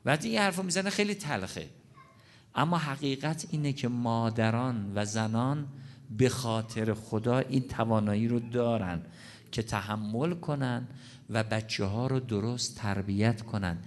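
Earnest man preaching a sermon. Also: medium pitch. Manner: earnest, explanatory, addresses audience directly.

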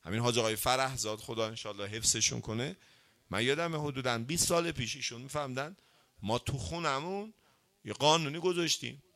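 Bright-voiced male preacher quizzing listeners. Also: medium pitch. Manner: lively, questions the audience and urges answers; recites Arabic sayings slowly, then explains them. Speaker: cleric giving a religious talk. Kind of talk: sermon.

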